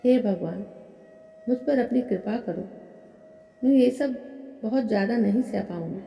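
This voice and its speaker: A woman voicing a meek, put-upon young daughter-in-law who pleads gently, in an echoey room. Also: on the high side, a little slow, vocal fry, soft background music. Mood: pleading. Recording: echoey room with long reverb.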